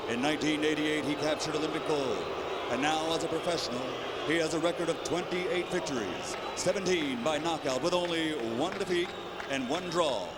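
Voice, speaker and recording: A man announcing a boxing match in a big ceremonial lucha libre style, drawing out and shouting titles and names over an arena sound system. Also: on the high side. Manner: drawn-out shouted build-ups on titles and names. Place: large indoor arena over public address. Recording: loud crowd noise in a sports arena.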